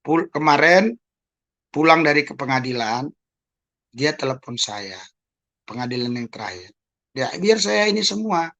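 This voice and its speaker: A man's voice: fairly high pitch, lively intonation, measured pace, gravelly, long pauses, a bit bright. A man hosting his own channel, answering accusations in a monologue to his viewers, repeating pointed rhetorical questions. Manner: addresses listeners as "Saudara". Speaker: YouTube channel host.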